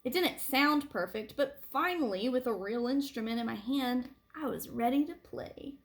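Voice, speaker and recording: High female voice, read-aloud storytelling, teacherly, expressive emphasis, for young children. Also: moderate pace. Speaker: teacher reading a picture book aloud.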